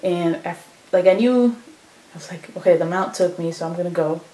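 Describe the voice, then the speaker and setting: A woman's voice: on the low side, fairly quick, warm tone, reverberant, rough recording. A young woman from Chicago telling her story in a casual oral history interview, full of fillers and quoted dialogue. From Chicago, United States.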